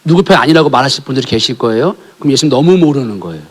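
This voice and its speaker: A male pastor preaching a sermon in a church, telling a family story and asking the congregation questions, rising to emphatic calls and dropping to hushed near-whispers. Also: medium pitch, lively intonation, racing. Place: church sanctuary.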